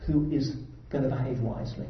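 A man's voice: mid-range voice, fairly even intonation, fairly quick. A man preaching a sermon in an earnest, exhorting way, rising to emphatic peaks. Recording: dull roomy hall recording.

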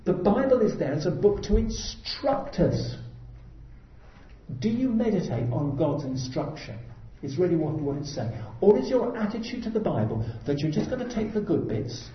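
A man's voice: high voice, sing-song, moderate pace. A man preaching a sermon in an earnest, exhorting way, rising to emphatic peaks. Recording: dull roomy hall recording.

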